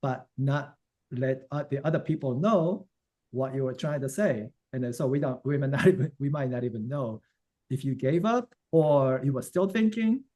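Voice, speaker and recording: A man's voice: mid-range voice, normal speed, darkish tone. A man teaching Japanese over a video call. He explains grammar in a loose, casual way, with plenty of fillers along the way.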